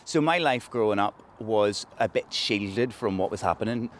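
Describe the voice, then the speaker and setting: A middle-aged Northern Irish man with a lowish voice speaks reflectively and in measured phrases for a documentary interview. Faint noise runs under the recording. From Northern Ireland. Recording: light background noise.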